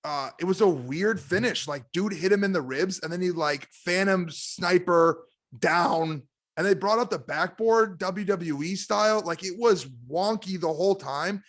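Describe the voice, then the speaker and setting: A man chatting casually as a guest on a podcast, an animated and excitable wrestling fan. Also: high-pitched, unhurried. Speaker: guest commentator.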